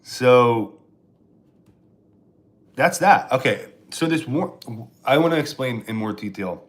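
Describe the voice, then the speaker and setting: A man's voice: mid-range voice, lively intonation, slow pace, a bit bright. A man from Pennsylvania, a stand-up comedian, rambling sarcastically in a casual live stream while answering chat, with frequent restarts.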